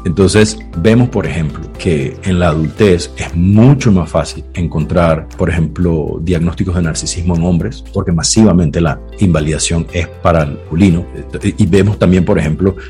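A man's voice: low-pitched, normal speed, hardly any pauses, warm tone, faint music behind. A man, a clinical psychologist, explaining ideas in a reflective podcast talk, using examples and acted quotes, often checking in with "you know?". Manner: frequent "¿sabes?" and "¿ves?" tags.

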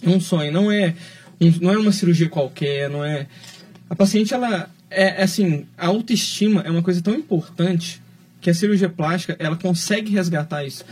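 A Brazilian man with a slightly raised pitch hosts a podcast, friendly and quick to laugh. He explains things earnestly in a casual conversational way. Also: a little mellow. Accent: Brazilian Portuguese. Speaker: plastic surgeon host.

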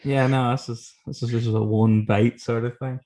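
A man's voice: mid-range voice, flat delivery, moderate pace, crowd noise. A man, chatting casually as a guest author, telling rambling, self-deprecating, sweary anecdotes. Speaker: guest author telling stories from his book.

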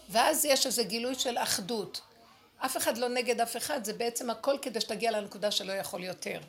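A woman sharing spiritual experiences with a small group, impassioned and exasperated, often repeating her words. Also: on the high side. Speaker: group sharer.

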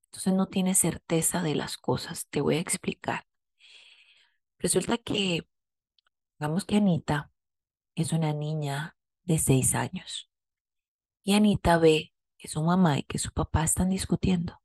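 A woman psychologist giving a reflective podcast monologue. She explains gently and slows down to stress key words. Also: low voice, no room sound.

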